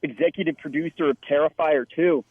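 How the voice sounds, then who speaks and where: A man who is an actor, chatting as a guest and telling stories with lively quoted lines. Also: on the high side, fairly quick, husky, dry recording. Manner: animated storyteller, quotes others. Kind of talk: casual interview chat. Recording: dry tinny phone-like line.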